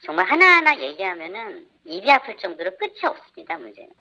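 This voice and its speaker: A woman's voice: very animated, fast talker, pushed and bright, dull audio. A woman speaking through a voice disguiser as an anonymous parent in a live radio interview, indignantly listing complaints point by point. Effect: voice disguised by a pitch changer. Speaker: parent of a camp participant.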